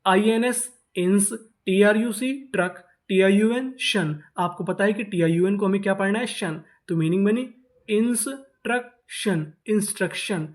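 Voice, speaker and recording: A man's voice: high voice, normal speed, few pauses. A man teaching English reading, spelling words out letter by letter and then repeating them. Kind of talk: spelling-out phonics lesson.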